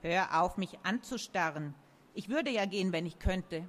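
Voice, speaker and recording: A woman voicing a skinny, sulky male fool who protests in a high, agitated voice. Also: normal speed, slight background noise, natural voice. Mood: pleading. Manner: whiny and defiant, high and excited.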